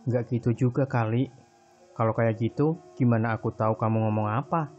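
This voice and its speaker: A man voicing a blunt, secretive young man who speaks in hushed, impatient tones. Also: mid-range voice, fairly even intonation, a little fast, muffled recording, faint music behind, natural voice. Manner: whispering, impatient. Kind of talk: storytelling character voice.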